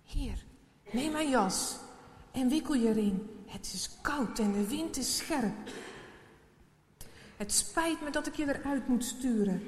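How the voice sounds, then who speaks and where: A woman voicing a kind, fatherly gentleman in a storybook, read in a roomy hall with faint hiss. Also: high-pitched, animated, takes it slowly, long pauses.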